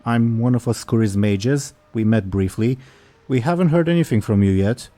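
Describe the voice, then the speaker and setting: A man voicing a male elf mage in a tabletop game, delivering a magical message in a brisk, businesslike way. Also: medium pitch, dark tone, natural voice. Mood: brisk, formal.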